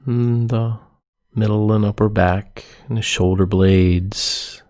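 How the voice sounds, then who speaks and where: Steady in tone and lowish in pitch, a man leads a yoga nidra meditation as the teacher. His guidance is soft, soothing and unhurried, with pauses between phrases.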